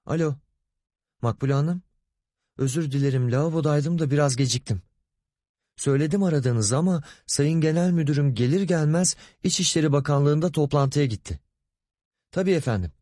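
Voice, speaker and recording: A man's voice: on the high side, normal speed, dark tone, dry recording, studio quality, pitched above the performer's own voice, close to an everyday voice. A man voicing a timid, nervous young female secretary in an audiobook, flustered and eager to please. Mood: nervous deferential.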